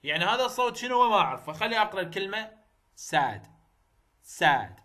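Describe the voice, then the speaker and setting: A man with an Iraqi Arabic accent teaching English vowel sounds, repeating example words slowly and coaching the viewer directly. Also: sits high, expressive, bright, forceful tone. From Iraq. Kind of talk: phonetics lesson.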